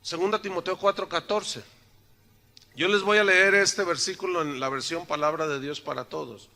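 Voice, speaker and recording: A man's voice: sits high, fairly even intonation, moderate pace, gravelly, pushed and bright. An older male pastor, preaching in a church in a joking, conversational way, full of rhetorical questions to the congregation, his throat slightly sore. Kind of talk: sermon. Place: church sanctuary.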